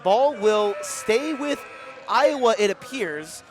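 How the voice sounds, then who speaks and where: A young male student sportscaster with a fairly high voice calls basketball play-by-play. His calls are brisk and build to excited shouts when a shot drops. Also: soft background music. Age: young adult. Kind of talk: sideline interview and play-by-play commentary.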